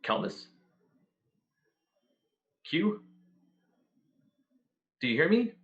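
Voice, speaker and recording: Man doing a muffled, urgent amulet voice heard through a wall, high and rushed, dull lo-fi sound. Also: very animated, fairly bright tone, echoey room, exaggerated voice. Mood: impatient. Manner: impatient, urgent calling. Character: faint impatient voice from an amulet.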